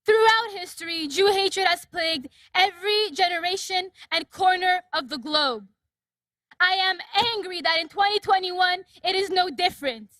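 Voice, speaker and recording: A woman's voice: very high-pitched, normal speed, sharp tone, no room sound. A young woman giving an impassioned, declarative speech at a rally. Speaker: rally speaker. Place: outdoor rally.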